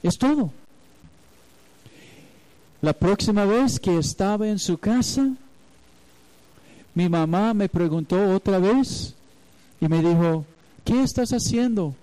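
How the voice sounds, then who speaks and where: Male pastor, sermon, slow delivery, mellow dark tone, storytelling. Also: high-pitched, animated, rough recording. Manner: storytelling, acts out quoted voices.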